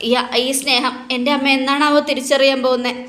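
A woman's voice: sits high, level tone, a little fast, a bit bright, roomy sound. A woman voicing a worried young husband who reassures his wife in a soothing way.

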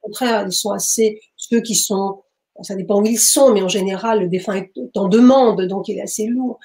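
Woman, author interviewed in a bookshop, mellow warm tone, hesitant, searching for words. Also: medium pitch, steady tone, normal speed. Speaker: author and medium. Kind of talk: interview storytelling.

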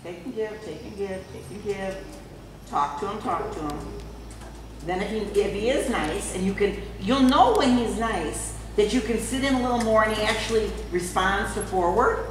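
In a large indoor riding arena, a female horse riding instructor coaches a rider live, calling out short commands and repeating them often. Her voice is medium in pitch and moderately paced. Recorded from a distance, the sound is very echoey and reverberant, with faint noise.

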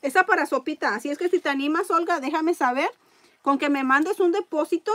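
A woman hosting a casual live-stream raffle, chatting along and reading viewer comments out loud. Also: high voice, fairly quick.

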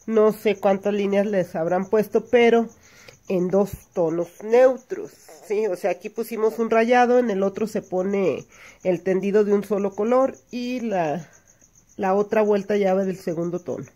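A woman's voice: mid-range voice, a little slow, dark tone. A woman teaching hand embroidery step by step, patiently counting stitches aloud and checking in with her listeners. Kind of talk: step-by-step craft tutorial.

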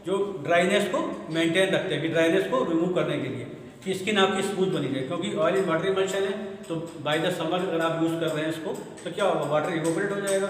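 Male lab instructor, higher voice, heard from a distance in a very echoey room with a long tail of reverb and faint background hiss. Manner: asks questions then answers them himself. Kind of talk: classroom lab lecture.

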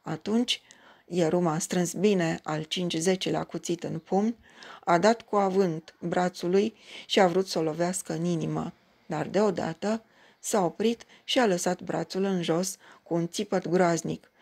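A woman reading a fairy tale aloud in a measured storytelling cadence. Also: fairly low pitch, steady tone, vocal fry, a little mellow.

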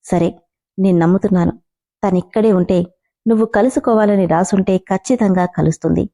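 Woman doing a gentle worried mother. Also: medium pitch, brisk, natural voice. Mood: tender. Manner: soothing, affectionate. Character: caring middle-aged mother, gentle and worried.

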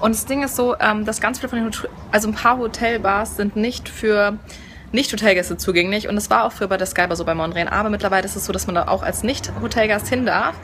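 A young woman with a fast, mid-range, somewhat bright voice chats bubbly and filler-heavy in a casual travel vlog. She films herself outdoors beside a house and a hotel pool with a phone at arm's length, and the outdoor phone audio picks up background noise.

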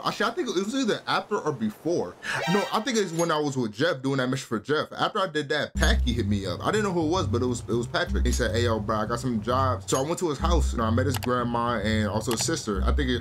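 A man hosting a let's play, talking casually in a rambling, slangy way. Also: mid-range voice. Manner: rambling, slangy, keeps saying "bro". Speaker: gaming channel host. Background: game music.

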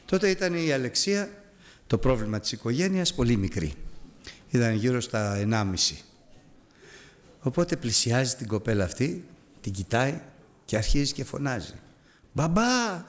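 Male preacher, mid-range voice with a lively, swooping delivery, confessional storyteller who acts out scenes. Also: medium pitch, big-room sound. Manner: animated storyteller, acts out voices and sound effects; earnest, confessional. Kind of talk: sermon told as a personal story.

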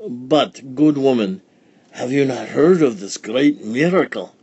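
A man's voice: medium pitch, animated, takes it slowly, mellow, slightly rough, dull audio, pitched above the performer's own voice, full character voice. A man voicing an old wise traveler in a storybook, stately and solemn. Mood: awed.

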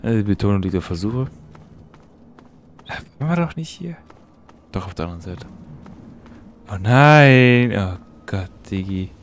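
A man's voice: low voice, big pitch swings, brisk, pauses often, mellow, slight background noise. A young man giving casual, slangy let's-play commentary and swearing at the game. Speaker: gaming YouTuber.

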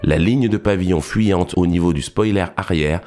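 A man narrates in a formal, literary register, every sentence read evenly as if from a prepared text. His voice sits a little low. Quiet music runs in the background throughout. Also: normal speed. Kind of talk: scripted narration. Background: faint background music.

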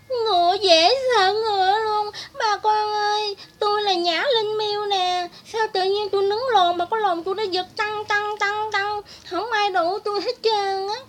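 A woman's voice: extremely high pitch, a little hiss or hum, pitched above the performer's own voice. A woman putting on a mocking impression of a whiny, lewd woman who sobs and wails as she talks. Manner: mocking, wailing. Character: shrill whiny lewd woman, sobbing and self-pitying.

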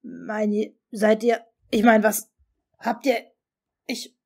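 A woman voicing a hot-headed, jealous young man who stammers and shouts in a fan-fiction audiobook. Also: medium pitch, steady tone, takes it slowly, gravelly. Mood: agitated. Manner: loud and stammering.

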